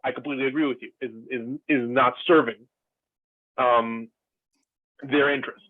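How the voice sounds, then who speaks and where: An earnest, lengthy discussion over a video call comes from an Israeli ex-lecturer who thinks aloud with many fillers and restarts. His mid-range voice has fairly even intonation and a moderate pace. The call audio is tinny and dry, with no room sound.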